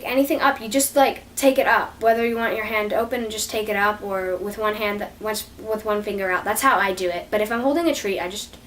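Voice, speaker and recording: A woman's voice: medium pitch, fairly bright tone. A young woman talking casually to camera about training dogs, rambling, apologizing and laughing at herself. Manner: rambling, self-deprecating, giggly. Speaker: dog training vlogger. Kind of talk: casual unscripted vlog. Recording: distant mic with faint noise.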